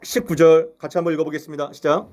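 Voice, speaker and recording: A man's voice: a little high, fairly even intonation, rapid-fire, darkish tone. A male pastor preaching a sermon in a church, earnestly asking the congregation rhetorical questions. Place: church sanctuary.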